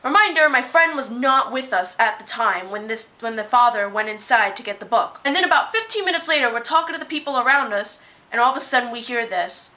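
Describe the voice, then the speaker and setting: A young woman in her late teens telling a story-time vlog, with an animated, dramatic way of talking. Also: a little high, a little fast. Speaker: vlogger.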